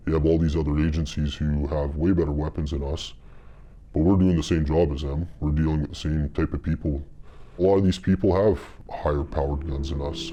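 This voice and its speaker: An anonymous male police officer and training instructor, speaking in an interview through a disguised, very deep voice, halting and earnest with fillers. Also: dark tone. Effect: voice disguised, pitched very deep.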